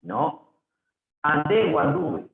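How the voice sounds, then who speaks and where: Slow, patient male teacher on tinny audio. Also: a little high, sing-song, creaky. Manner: slow, patient, repeats answers aloud. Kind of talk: grammar review lesson. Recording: echoey, phone-like lo-fi audio.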